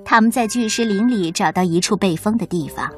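A woman hosting and reading a children's bedtime story aloud, gentle and expressive. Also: medium pitch, a little fast, soft background music.

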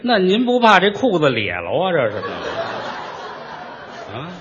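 A man playing the straight man in a crosstalk comedy routine, teasing his partner with quick puns. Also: high voice, wildly swooping pitch, a bit bright, muffled recording, a little hiss or hum.

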